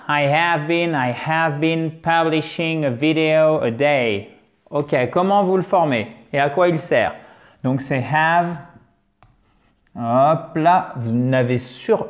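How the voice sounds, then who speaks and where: A man teaching English pronunciation in French, his native tongue, with animated, exaggerated drills. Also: on the high side. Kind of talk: video lesson in French.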